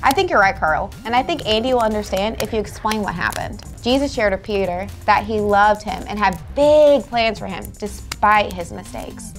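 A woman's voice: mid-range voice, animated, moderate pace, few pauses, soft background music. A woman hosting a children's church show, patiently explaining a Bible story in a scripted lesson. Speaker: kids' church host.

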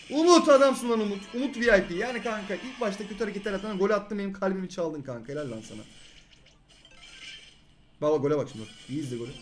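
Fast, high-voiced excitable young gaming man. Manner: rapid, excitable, shouts at teammates, repeats words. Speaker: gaming channel host. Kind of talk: excited live gameplay commentary.

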